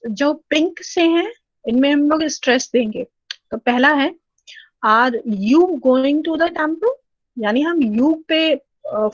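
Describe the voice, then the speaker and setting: Woman lecturer, slightly high voice, dry and dull lo-fi recording. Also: dry recording. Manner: explanatory, frequent 'theek hai' check-ins. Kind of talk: recorded lecture over slides.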